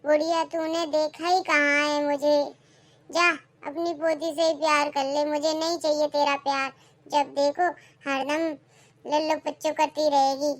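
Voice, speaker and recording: A drunk, insolent grandson from a cartoon, voiced by an actor. His voice is pitched very high and his speech drags. He sneers at his grandparents. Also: level tone, a little slow. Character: drunk, rude young grandson. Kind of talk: cartoon voice acting.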